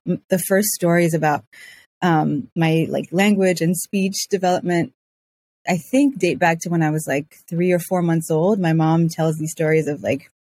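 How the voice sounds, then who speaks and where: Chatty woman guest, husky voice. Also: lowish voice, a little mellow, no echo. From Switzerland. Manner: chatty, many fillers like "like" and "um", restarts. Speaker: podcast guest. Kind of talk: casual interview talk.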